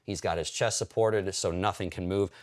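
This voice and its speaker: A man's voice: low voice, steady tone. A man working as a hypertrophy coach, casually breaking down a training video in a chatty, explanatory way. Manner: chatty, explanatory, talks while pausing and scrubbing video.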